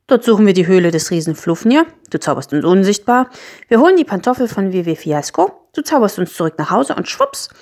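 A woman voicing a practical, doubtful young boy in a storybook reading, quick and matter-of-fact. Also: mid-range voice, big pitch swings, a little mellow. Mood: brisk.

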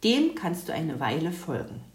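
A woman's voice: sits low, sing-song, moderate pace. A woman voicing a cautious, sensible young boy in a storybook, earnest and a bit reluctant. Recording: roomy echo.

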